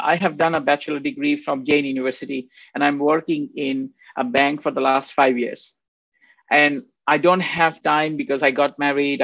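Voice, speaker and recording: This guest speaker, a Bangladeshi man in his fifties, has a fairly high, bright voice with vocal fry and no echo. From his home office he gives a rambling, conversational faculty lecture over a video call, often checking in with "right?", and the audio sounds dull and dry.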